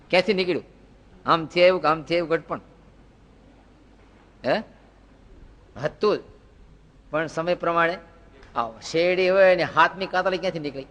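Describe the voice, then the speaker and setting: A man speaking as a spiritual teacher gives a devotional sermon, asking rhetorical questions and telling folksy anecdotes. His voice is on the high side and fairly bright. Long reverb from a hall surrounds it.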